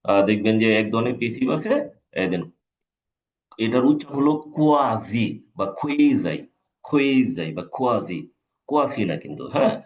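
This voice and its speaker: A man's voice: medium pitch, expressive, brisk. A man, an English teacher, giving a live exam-prep lecture, repeating key points and checking in with his students. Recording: echoey room.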